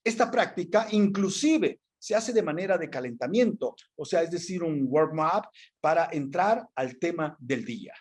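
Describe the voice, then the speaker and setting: A man's voice: fairly high pitch, expressive, moderate pace, darkish tone, husky. A man giving an academic presentation on how language is taught, going through his findings item by item with many fillers and restarts. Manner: methodical, lists items with frequent fillers and restarts.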